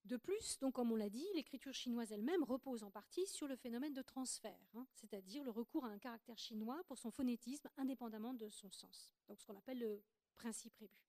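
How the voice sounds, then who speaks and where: A woman lecturing to an audience, her voice warm and mellow and set a little high for a woman. She explains things carefully, hesitating and restarting as she goes. The sound is dry and close, with no room echo. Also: a little fast. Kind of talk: academic lecture presentation.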